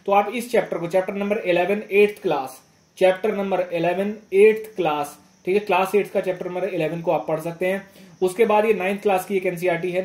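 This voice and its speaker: A teacher gives informal exam guidance in an echoey room, repeating phrases and often checking that his listeners follow along. His voice sits high and sounds a little mellow, and his manner is instructive.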